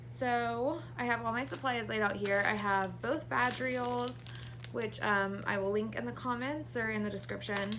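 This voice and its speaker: Casting: heavily pregnant woman, out of breath, casual craft-tutorial host, gravelly fry, slight background noise. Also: on the high side, fairly even intonation, a little slow. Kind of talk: casual hands-on tutorial to camera. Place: small indoor craft room.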